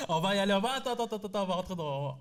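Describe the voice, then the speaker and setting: A man hosting a podcast, joking and excitable in slangy casual chat. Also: sits high. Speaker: podcast host.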